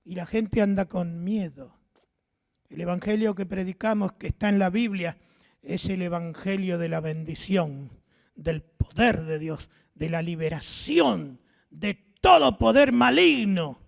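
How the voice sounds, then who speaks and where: An older man from Argentina with an Argentine accent and a hoarse voice, preaching a sermon as pastor, telling stories and acting out the dialogue. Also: sits high, measured pace, darkish tone, in a large hall. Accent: Argentine Spanish. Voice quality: hoarse, gravelly voice. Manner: storytelling, acts out dialogue, asks the audience questions.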